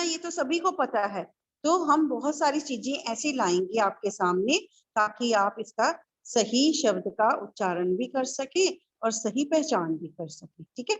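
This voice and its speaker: A woman kindergarten teacher with a North Indian Hindi accent, giving an online lesson in a patient, sing-song way to small children. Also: on the high side.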